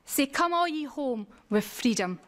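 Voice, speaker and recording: A woman's voice: high voice, big pitch swings, measured pace, fairly bright tone. A woman from Scotland delivering an earnest, rhetorical prepared speech as a conference speaker. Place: conference room.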